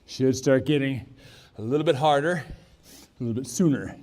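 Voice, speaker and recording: A man talks viewers through a strength and mobility workout while exercising himself. He breathes out hard between moves and keeps a relaxed, chatty coaching manner at an ordinary mid-range pitch. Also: normal speed. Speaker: fitness trainer. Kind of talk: workout instruction.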